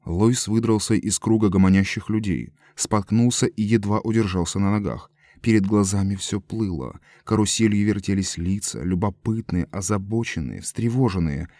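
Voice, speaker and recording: A man reading an audiobook as narrator in a measured, even storytelling manner. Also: lowish voice, no echo.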